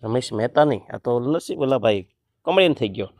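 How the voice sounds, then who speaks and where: A man's voice: mid-range voice, lively intonation, a little mellow, no room sound. Man teaching vocabulary, dry sound. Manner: explains word meanings, chants verses slowly. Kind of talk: exam-prep grammar lesson.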